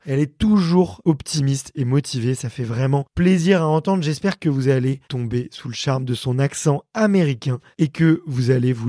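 A French man hosts a podcast with an enthusiastic, chatty delivery. His voice is mellow and relaxed, recorded close and dry. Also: mid-range voice, dry recording. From France. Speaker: podcast host. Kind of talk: podcast interview.

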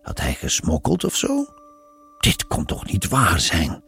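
Deep, gravelly, slow-speaking male narrator. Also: huge pitch swings, a bit bright. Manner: reflective, musing storytelling. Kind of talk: scripted narration of a radio story.

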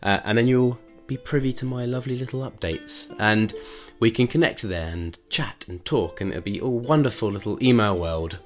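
Lowish-voiced guy rambling on his podcast, laughs a lot, faint guitar behind. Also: normal speed. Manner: chatty, laughs often, rambling asides. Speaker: podcast host. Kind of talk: casual solo podcast chat.

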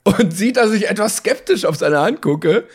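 A man's voice: sits high, normal speed, noisy background. A man co-hosting a podcast, telling a comic story in casual talk and acting out the dialogue in different voices. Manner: animated, acts out dialogue with shifting voices. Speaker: podcast co-host.

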